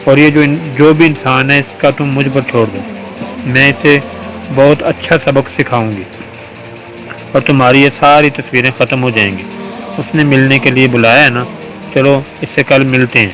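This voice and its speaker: A man's voice: mid-range voice, fairly even intonation, fairly bright tone, natural voice, poor audio. A man reading aloud the lines of a confident, protective young wife in a storybook, in a firm, reassuring way.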